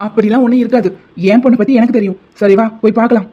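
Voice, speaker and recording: This cartoon father is firm and lecturing but still fond of his daughter, with a woman voicing him. The voice sits fairly high and moves fast, with a dull, lo-fi sound. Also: steady tone, warm tone, natural voice. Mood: stern. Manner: stern, lecturing. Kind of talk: Tamil cartoon dub.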